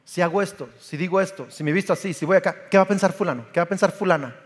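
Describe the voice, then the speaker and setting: Pastor guy, high voice, big echoey church hall, preaches with fire. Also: rapid-fire. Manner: passionate, acts out Bible scenes and family anecdotes, rising to shouts. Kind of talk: sermon.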